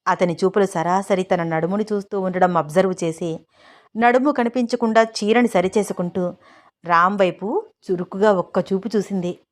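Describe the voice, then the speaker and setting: Woman, story narrator, expressive, dramatic telling. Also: medium pitch, normal speed.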